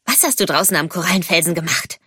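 A woman voicing a friendly, outgoing young merboy in an audiobook story, talking in an excited, chatty way. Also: on the low side, fast, husky, dry recording, studio quality, exaggerated voice.

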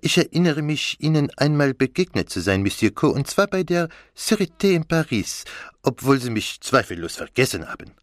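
A man doing a measured, courteous old detective. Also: medium pitch, sing-song, no room sound, studio quality, voice pushed up, natural voice. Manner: measured, polite, deliberate. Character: courteous, self-assured elderly Belgian male detective. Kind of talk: audiobook character voice.

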